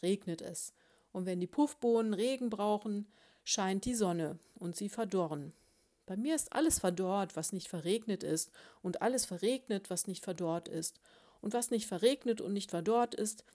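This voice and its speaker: A grumpy, miserly hamster farmer , as a woman reading a storybook puts him on, snapping and blustering in a raised, loud voice. The tone stays mellow and warm underneath. He rants about his hard lot and shoos others away. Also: mid-range voice, unhurried, lightly acted. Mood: grumbling tirade. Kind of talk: audiobook character voice.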